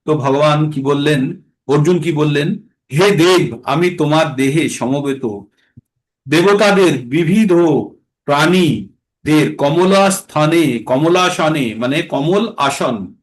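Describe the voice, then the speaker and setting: A man with a higher-pitched voice teaches a scripture class, explaining verses and asking questions that he then answers himself. He also chants Sanskrit verses in a slow, sung tone.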